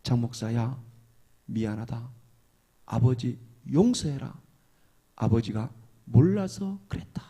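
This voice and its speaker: A man's voice: mid-range voice, lively intonation, slow, long pauses, mellow, husky, pitched below the performer's own voice, full character voice. A man voicing his elderly father, a blunt old man in his eighties with a Chungcheong dialect. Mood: choked up.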